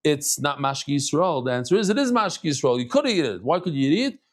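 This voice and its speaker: Speaking fast in a fairly high-pitched voice, a middle-aged man leads a relaxed daily Talmud class. His lively, chatty teaching is sprinkled with Hebrew and Yiddish terms.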